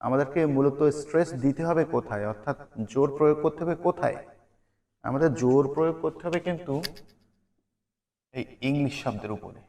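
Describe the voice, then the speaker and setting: A man's voice: fairly high pitch, a little fast, long pauses, dark tone. A man teaching a vocabulary lesson. He repeats each word and its meaning as a drill, and he asks questions and then answers them. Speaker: English teacher.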